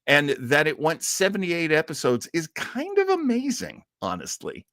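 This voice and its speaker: Speaking with a fairly high pitch and huge swings, this man's fairly bright voice comes through clean studio sound without any room sound. He's casually and enthusiastically hosting an old-time radio livestream, rambling and halting through tangents.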